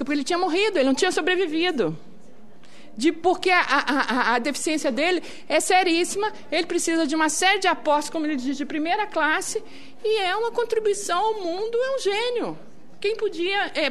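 A woman's voice: high voice, fairly bright tone. A woman with a Brazilian Portuguese accent giving a public presentation in a conversational manner, often adding little tag questions. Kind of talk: public talk with slides.

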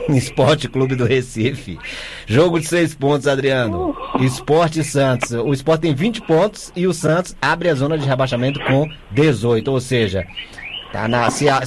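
A man with a Brazilian Portuguese accent on a radio sports show, making quick teasing remarks. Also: mid-range voice, lively intonation, noisy background.

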